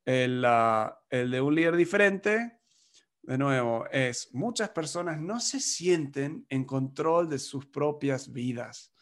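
A man's voice: medium pitch, lively intonation, slow, fairly bright tone. A man from the United States talking casually as a podcast co-host, explaining marketing in long runs and acting out clients in quoted voices. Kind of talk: casual conversational advice.

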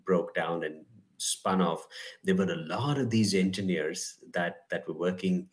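A man with an Indian accent and a very deep voice talks in an easygoing conversation. He stops often on ums and uhs as he works toward his point. His low pitch stays steady under the pauses. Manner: hesitant, many ums and uhs. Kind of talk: casual conversation.

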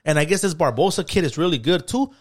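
Profane, slangy podcast host. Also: male voice, fairly high pitch, fast talker. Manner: profane, slangy, animated storytelling. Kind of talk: casual chat.

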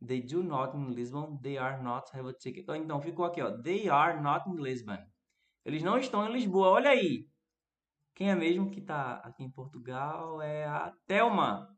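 A man from Recife with a northeastern Brazilian accent teaches a live online class, chatting casually with his students. His slightly high voice is expressive at a moderate pace. He reads and answers chat messages, asks questions, and addresses viewers by name.

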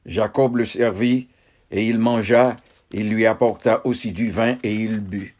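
Slow, solemn male scripture reader. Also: lowish voice, fairly even intonation, a little mellow. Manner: measured, solemn reading with short phrases. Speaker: Bible reader. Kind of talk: scripture reading.

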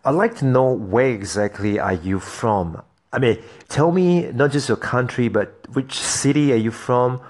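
A man's voice: medium pitch, unhurried, darkish tone. A man from Singapore, hosting a solo podcast and talking to his listeners in an earnest, motivational way. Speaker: podcast host.

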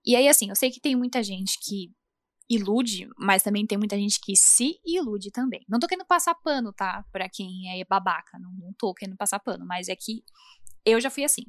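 A young Brazilian woman co-hosting a podcast in casual chat with a Brazilian Portuguese accent, animated and acting out quoted friends. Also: medium pitch, fairly quick, no room sound, studio quality. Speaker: podcast co-host.

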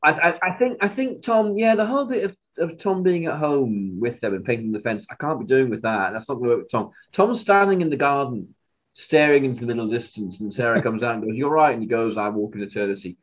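A man co-hosting a podcast in casual fan chat, talking in an animated, rambling way and stammering on restarts. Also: mid-range voice, a little fast, highs cut off. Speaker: podcast co-host.

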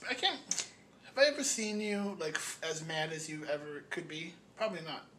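High-voiced man in easygoing banter. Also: animated, fairly quick, background noise. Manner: easygoing, swears casually. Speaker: podcast co-host. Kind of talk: casual chat between friends.

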